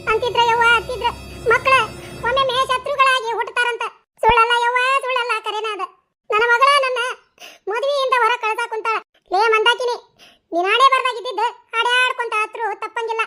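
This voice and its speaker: A woman's voice: extremely high pitch, pushed and bright. A woman voicing a scheming village mother in a cartoon, wailing and scolding. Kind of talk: cartoon dialogue.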